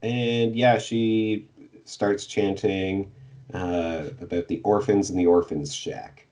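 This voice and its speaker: A low-pitched man speaks slowly in a steady, slightly mellow voice. As co-host of a podcast, he gives a casual summary of a book's plot, marked by hesitation, frequent fillers, and little laughs.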